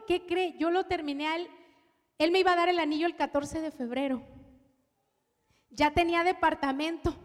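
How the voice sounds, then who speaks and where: A woman preaching a personal testimony, telling her story with strong emotion and dropping to a hush at tender moments. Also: very high voice, in a large hall. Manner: emotional storytelling, shifts from loud to hushed. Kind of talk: testimony sermon.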